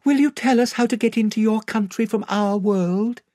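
A man voicing an earnest, emotional young girl in a storybook, pleading politely in a high, breathy voice. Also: moderate pace, warm tone, no room sound, studio quality, natural voice. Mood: polite, awed.

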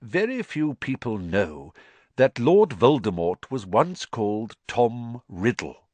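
A man voicing a wise, gentle old headmaster who speaks in a measured way. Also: mid-range voice, sing-song, no room sound.

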